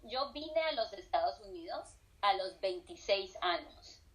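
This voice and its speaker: A middle-aged Colombian woman, a professor, answers interview questions casually, moving between Spanish and English. Her medium-pitched, slightly bright voice is animated and measured in pace. She sounds hesitant, with frequent fillers and restarts.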